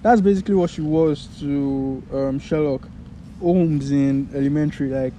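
A man's voice: on the high side, normal speed, mellow, slight background noise, poor audio. A young man from Nigeria with a Nigerian accent, chatting casually as a podcast co-host and often searching for words. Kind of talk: casual chat.

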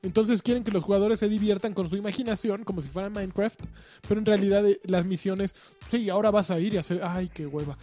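A Mexican man co-hosts a laid-back gaming chat. His voice sits high yet sounds warm and dark. He is opinionated and sighs at what bores him. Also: fairly even intonation, fast. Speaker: podcast co-host. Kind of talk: casual chat about video games.

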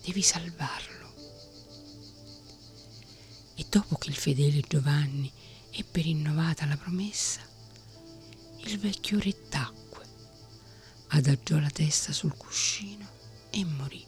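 Slow whispering woman, whispered role-play. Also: sits low, faint music behind. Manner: soft, slow whispered reading. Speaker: bedtime storyteller.

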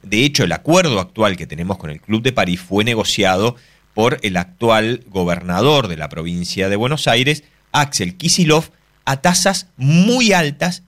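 A man with an Argentine accent giving an economics column on radio, deliberate and explanatory with many fillers. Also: medium pitch, fairly bright tone. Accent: Argentine Spanish. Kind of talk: radio commentary.

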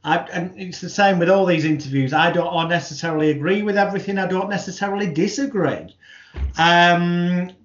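Male interview host, fairly high voice, frank and wordy, roomy lo-fi sound. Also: fairly quick. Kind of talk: conversational interview commentary and explanation. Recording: echoey room, dull lo-fi audio.

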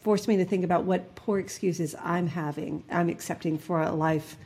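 Breathy fifty-something woman from jersey, interview guest, earnest, lots of ums and restarts. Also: lowish voice, fairly even intonation, moderate pace, darkish tone. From New Jersey. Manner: earnest storytelling with frequent fillers and restarts. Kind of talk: reflective interview conversation.

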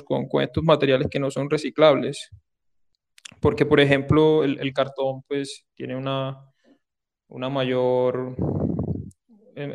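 Colombian Caribbean man, halting explanatory delivery. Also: on the high side, gravelly. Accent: Colombian Caribbean coastal. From Córdoba, Caribbean coast of Colombia. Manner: hesitant, halting phrasing with repeated words and tag questions. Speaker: interview guest, engineer and researcher. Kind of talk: spoken interview answers, explanatory.

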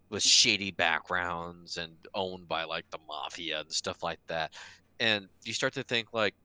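Lower, bright-voiced man, lots of "like". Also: clean tone, dry recording. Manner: animated, heavy use of "like", many restarts. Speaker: podcast co-host. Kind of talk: casual chat.

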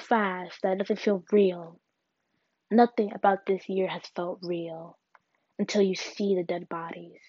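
A young woman hosting a solo podcast, talking in an earnest, halting way with restarts. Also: medium pitch, warm tone, dry recording. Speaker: podcast host. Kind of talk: solo personal podcast reflection. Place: alone at home. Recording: dull, dry lo-fi recording.

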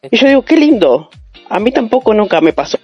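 A woman's voice: a little high, expressive, very fast, breathy edge, faint music behind. A woman with a Rioplatense Spanish accent, talking reflectively and telling stories in a casual panel chat. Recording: dull lo-fi sound.

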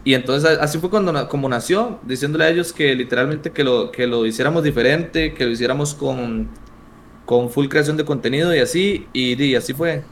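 A man's voice: mid-range voice, fairly quick, slight background noise. A young man with a Costa Rican accent, a streamer telling stories in a casual, slang-heavy interview chat. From Costa Rica. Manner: slangy, animated storytelling.

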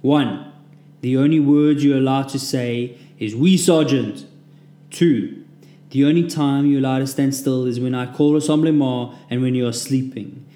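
Man voicing a Russian drill sergeant, thick accent, barking commands, loud, roomy echo. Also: medium pitch, steady tone, moderate pace, close to an everyday voice. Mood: barking orders. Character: tall, brutal male Russian drill sergeant.

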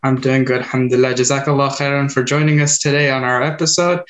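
A man hosting a podcast, opening with a measured, formal greeting and then interviewing his guest. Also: mid-range voice, flat delivery, a bit bright. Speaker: podcast host. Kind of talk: scripted podcast intro and interviewing.

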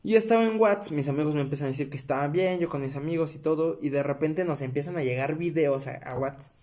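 Brief: young Mexican man vlogging, slightly high voice, loose rambling storyteller who keeps correcting himself. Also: fast talker, darkish tone. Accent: Mexican Spanish. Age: young adult. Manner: rambling, full of fillers and self-corrections, addresses viewers as friends. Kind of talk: casual storytelling to camera.

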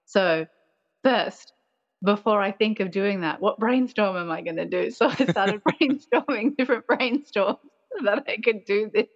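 A woman's voice: mid-range voice, unhurried, muffled recording. A woman chatting casually as a podcast guest, playful and giggly, sprinkling her talk with "like". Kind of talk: casual chat.

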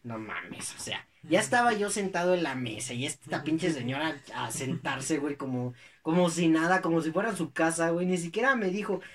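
A man's voice: a little high, fairly quick, few pauses. Slangy young man. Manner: relaxed, slangy, teasing. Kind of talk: casual chat.

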